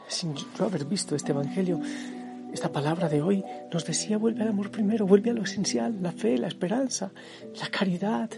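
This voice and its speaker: A middle-aged priest preaches with fervent feeling, swinging between stirring emphasis and soft, almost whispered lines. Gentle music plays clearly beneath his voice throughout. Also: sits high. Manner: fervent preaching that drops to hushed, near-whispered passages. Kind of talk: devotional sermon. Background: soft music backing.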